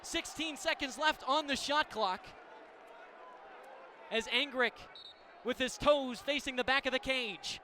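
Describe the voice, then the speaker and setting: A very high-pitched male announcer calls a lacrosse game live on radio from the venue's broadcast position, unhurried and with long pauses. He paints the action in short, vivid running phrases as loud arena noise and game ambience fill the background.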